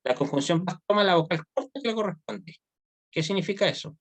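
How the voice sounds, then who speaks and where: A man's voice: high-pitched, a little fast, no room sound. A man teaching an online Hebrew grammar class, explaining step by step and often checking that students follow.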